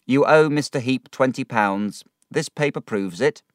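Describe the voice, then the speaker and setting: A man's voice: mid-range voice, a little slow, no echo, studio quality, voice pushed up, natural voice. A man voicing a curt, stern debt collector in a storybook reading.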